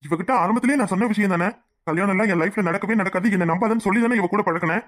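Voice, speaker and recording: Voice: medium pitch, rapid-fire, natural voice. A voice actor playing a hot-headed young man caught between two women in a cartoon drama. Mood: accusing. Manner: curt, accusing. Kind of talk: cartoon voice acting.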